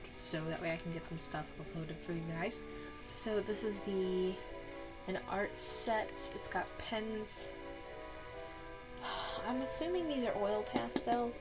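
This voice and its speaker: A vlogger in her twenties from Buffalo, New York, chats rambly and apologetically in a home haul vlog filmed in a dark room, sounding nasal, tired and a bit sick. Her voice is on the low side, and the audio is poor.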